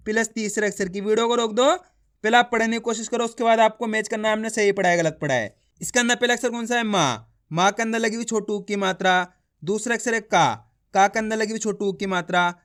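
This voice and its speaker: A man teaching beginners to read, sounding out each syllable before saying the whole word more loudly, and speaking to viewers as friends. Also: high voice. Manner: addresses viewers as friends, patient and encouraging. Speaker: Hindi reading teacher. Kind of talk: reading lesson for beginners.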